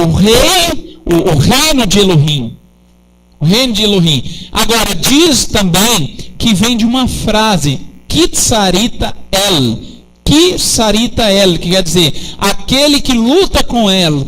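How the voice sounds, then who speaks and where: A man preaching a sermon, explaining scripture slowly with rhetorical questions. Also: extremely high pitch, fairly bright tone, a little hiss or hum, low-quality recording. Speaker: rabbi preaching.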